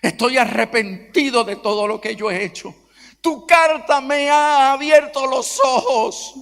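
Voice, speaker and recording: A repentant older father pours out his apologies in a high, slow, pleading voice, as a male preacher acts him out in his sermon. The long reverb of a church auditorium trails behind every phrase. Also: a bit bright, full character voice. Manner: pleading, emotional, repeated appeals. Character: remorseful older father begging his son's forgiveness. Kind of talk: sermon storytelling.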